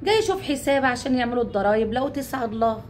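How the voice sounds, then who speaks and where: A woman's voice: fairly high pitch, animated, rapid-fire, a little hiss or hum. An Egyptian woman talking casually to her viewers, chatty, swearing oaths and calling them her dear ones. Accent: Egyptian Arabic. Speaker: YouTube channel host.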